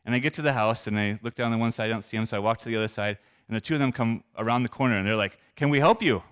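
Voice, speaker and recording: A man's voice: lowish voice, steady tone, very fast, a bit bright, clean tone. Earnest man telling a faith story. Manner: earnest, self-deprecating, conversational. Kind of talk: personal testimony storytelling.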